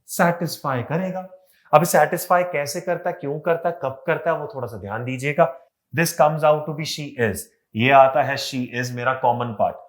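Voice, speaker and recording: A man's voice: on the high side, moderate pace. A man teaching an online exam-prep lesson in a mix of Hindi and English, with an Indian accent, explaining step by step and asking and answering his own questions.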